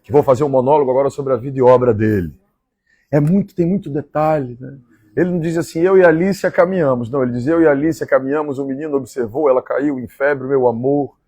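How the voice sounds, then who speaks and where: A man from Minas Gerais with a Mineiro Brazilian accent, reading a novel aloud on a live stream and pausing for chatty asides. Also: medium pitch, warm tone, slightly rough, dry recording, studio quality. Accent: Mineiro Brazilian Portuguese. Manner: measured, repeats favorite lines and chats between passages.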